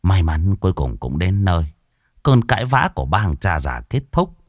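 A man narrating a comic ghost story in an expressive, mocking way. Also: low-pitched, moderate pace, no echo, clean studio sound.

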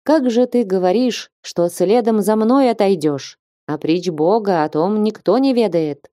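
A woman's voice: medium pitch, dark tone, no room sound, studio quality, pitched above the performer's own voice, close to an everyday voice. A woman voicing a grave old abbess. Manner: slow, grave, measured speech. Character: stern but loving elderly abbess. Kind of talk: audiobook character reading.

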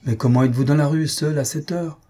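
A man's voice: a little high, fairly even intonation, fast talker, warm tone, pitched above the performer's own voice, lightly acted. A man doing an earnest young man in love. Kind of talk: audiobook reading.

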